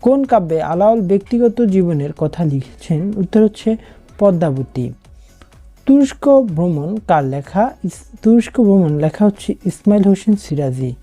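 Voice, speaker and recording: Mellow-voiced woman tutoring exam questions. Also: lowish voice, lively intonation, measured pace, soft background music. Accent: Bangladeshi Bengali. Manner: reads questions then gives answers, with some restarts. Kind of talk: exam prep lesson, question and answer.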